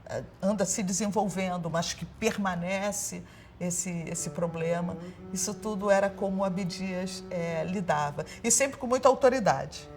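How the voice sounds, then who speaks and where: A woman in an interview, reflecting passionately and pausing to search for words. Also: on the low side, a little mellow, soft background music.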